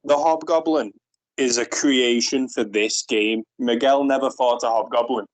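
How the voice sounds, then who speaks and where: A man's voice: mid-range voice, steady tone, measured pace, no echo, poor audio. A man co-hosting a podcast in a laid-back, casual chat, swearing freely, his voice run through a robot filter. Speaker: podcast co-host.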